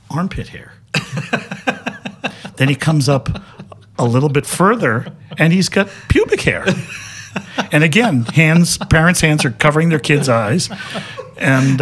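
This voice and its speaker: A man guest in an interview, telling a funny anecdote in a casual, animated way and laughing often. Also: mid-range voice, breathy edge.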